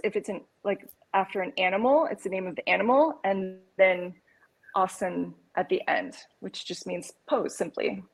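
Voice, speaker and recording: A woman yoga instructor explaining poses in an unhurried podcast chat, with many pauses and fillers. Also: medium pitch, a little mellow, poor audio. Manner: unhurried, many ums and uhs, explains pose names carefully. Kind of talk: podcast conversation.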